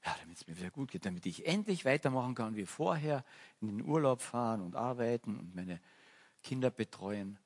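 A man's voice: medium pitch, lively intonation, fairly quick, breathy edge. A man preaching a sermon in a church, speaking in a conversational, storytelling way.

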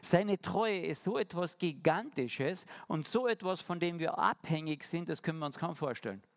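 Man preaching, slightly high voice, animated delivery, rhetorical questions to the congregation, slow emphatic lines. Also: creaky. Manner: lively, shifting between quick asides and slow emphatic lines. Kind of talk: sermon.

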